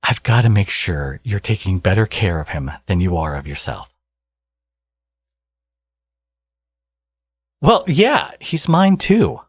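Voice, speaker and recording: In an ASMR audio roleplay, a man voices a smug, teasing villain who secretly cares, speaking casually and sardonically in a husky, medium-pitched voice. He sounds exasperated, and the recording is dry.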